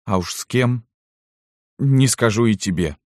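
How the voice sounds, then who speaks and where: A man's voice: medium pitch, expressive, measured pace, darkish tone, dry recording, clean studio sound, pitched above the performer's own voice, natural voice. A man voicing a young peasant girl who speaks in a trembling, throaty voice, desperate and defiant. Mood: trembling defiance. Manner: trembling, throaty, pleading outbursts.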